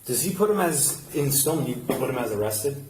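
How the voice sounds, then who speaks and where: A man's voice: medium pitch, expressive, a little fast. A man working as a police officer, casually walking a colleague through a task step by step and often checking with "right?". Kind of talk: casual hands-on instruction. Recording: roomy, noisy, distant body camera pickup.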